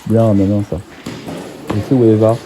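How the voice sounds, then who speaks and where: A young man talking over his own table tennis match, excitable and self-mocking. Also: lowish voice, moderate pace, over music. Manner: excitable, self-mocking, laughs often, swears casually. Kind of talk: casual match commentary voice-over.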